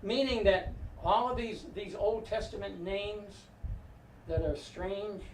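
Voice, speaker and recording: Older male teacher, high voice, echoey classroom. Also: slow pace. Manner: interrupts to explain pronunciation, asks "right?". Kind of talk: classroom lecture. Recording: echoey room, mic far off, faint noise.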